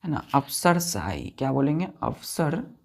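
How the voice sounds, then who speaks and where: Gravelly-voiced male vocabulary teacher. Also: a little high, big pitch swings, moderate pace. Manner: explains patiently, repeats key words and checks understanding; spells words out letter by letter. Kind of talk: exam-prep lesson.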